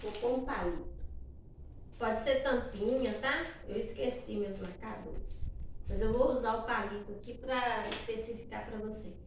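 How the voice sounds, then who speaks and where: A woman's voice: fairly high pitch, a little slow. A woman teacher with a Brazilian Portuguese accent patiently explaining a classroom activity, often ending phrases with tag questions. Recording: echoey room, distant mic, faint noise.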